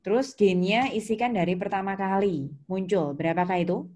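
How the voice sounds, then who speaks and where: Explaining worksheet entries in an interactive lecture, the female accounting teacher uses a medium-pitched, darkish voice at a moderate pace. She moves methodically through the steps and checks in with questions. Clicks and typing sound clearly in the background.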